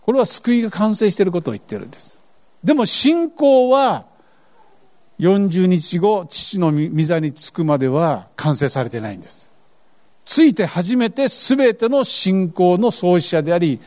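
Male pastor, sermon, high and lively delivery, earnest questioning tone. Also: moderate pace. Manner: earnest, asks the congregation questions.

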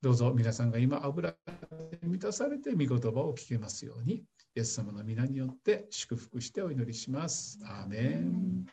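Guy leading an earnest prayer at church, mellow husky voice. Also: mid-range voice, sing-song, moderate pace, hardly any pauses, faint music behind. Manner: earnest, fervent prayer cadence. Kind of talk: spoken prayer.

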